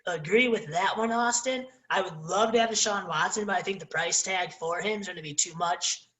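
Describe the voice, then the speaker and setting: Man, podcast co-host, relaxed sports chatter who steers the topics, roomy echo on the voice. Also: high-pitched, brisk. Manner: relaxed, leads the discussion and moves to new topics. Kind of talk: casual sports chat.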